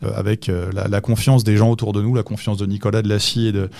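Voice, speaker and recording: A man who is an assistant basketball coach, giving measured, explanatory answers in a podcast interview with touches of dry humor. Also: fairly low pitch, flat delivery, gravelly, mellow, no echo.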